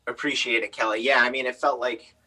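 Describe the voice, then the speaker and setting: A man's voice: medium pitch, steady tone, brisk, sharp tone, breathy edge, recorded from a distance. A man, an amateur player, answering in short laid-back replies over a video call. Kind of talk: casual chat.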